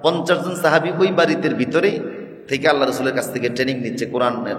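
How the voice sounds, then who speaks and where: A man's voice: mid-range voice, steady tone, quick pace, crowd noise. Male preacher, impassioned storyteller; long hall reverb. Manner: impassioned dramatic storytelling with rhetorical questions. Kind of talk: Bengali waz sermon storytelling. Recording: echoey hall with long reverb over loudspeakers.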